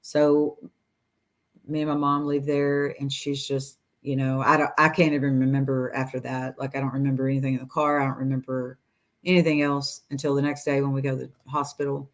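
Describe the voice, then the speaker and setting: With a bass voice, a woman in her forties tells her story as a guest, calling in by video from a room in her house. The tone is casual and animated as she performs her doctors' remarks and laughs between phrases.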